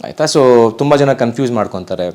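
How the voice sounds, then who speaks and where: A man from Karnataka speaks as a guest DJ in a sit-down interview. His pitch sits at an ordinary middle level. He talks earnestly and stresses his points. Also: animated, fast talker, a little mellow. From Karnataka, India. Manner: earnest, emphatic, repeats pleas. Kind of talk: casual interview talk.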